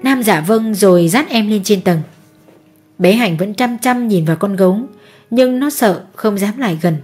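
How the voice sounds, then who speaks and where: A woman narrates an audiobook story in an even, steady voice. Her tone is husky and a little breathy. Faint music plays behind her. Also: medium pitch, normal speed.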